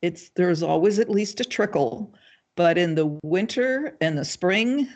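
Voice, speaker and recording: An older woman answering interview questions in a measured, thoughtful way, pausing often with ums. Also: on the low side, animated, a little mellow. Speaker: guest, local party committee chair. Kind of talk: casual livestream interview.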